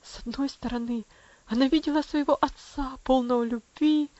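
Lady reading a story aloud, fairly high voice, dry dull audio. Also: steady tone, moderate pace, dark tone, no room sound. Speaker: audiobook reader. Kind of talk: storybook narration.

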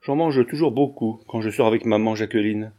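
A man voicing a defiant, fearless little boy who answers bluntly and gravely, in an audiobook reading. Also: lowish voice, fairly quick, warm tone, close to an everyday voice.

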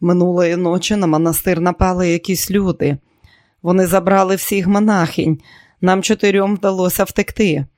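A tense young woman on the run, plotting her way out, as a male narrator puts her on. She speaks urgently in a raised, higher voice. The audiobook reading is close and dry. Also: level tone, moderate pace, a little mellow, no room sound, natural voice.

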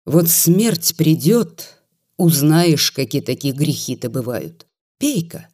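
A reader voicing a calm, teasing old peasant grandfather with slow, folksy rustic speech, in an audiobook reading. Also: medium pitch. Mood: calm reasoning.

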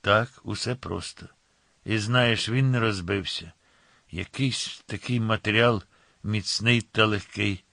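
A man reading the lines of a grumpy character in an audiobook, speaking in a gruff, muttering way. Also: on the low side, slow, pushed and bright, no room sound, heavily acted. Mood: offhand.

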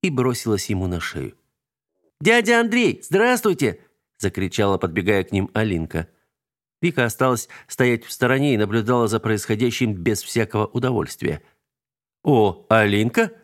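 A man's voice: lowish voice, brisk. A man narrating a children's story in first person as an audiobook reader.

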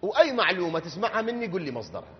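Iraqi preacher shouting in a reverberant hall. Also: male voice, wildly swooping pitch, rapid-fire, slightly rough. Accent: Iraqi Arabic. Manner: swings from low quiet talk to loud shouted wailing. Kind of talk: Shia mourning sermon from the pulpit. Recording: dull sound, long hall reverb.

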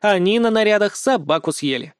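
A man's voice: high-pitched, lively intonation, brisk, clear, resonant tone, no room sound, studio quality, pitched above the performer's own voice. A man reading an audiobook, voicing a bossy, playful cat girl. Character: bossy cat girl who purrs murmya.

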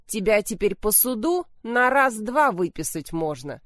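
A woman voicing a fragile, spoiled young woman who is shrill and shrieking, in a narrated story. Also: big pitch swings, measured pace, a bit bright, no room sound, clean studio sound. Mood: cold. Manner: shrill, shrieking and sobbing lines.

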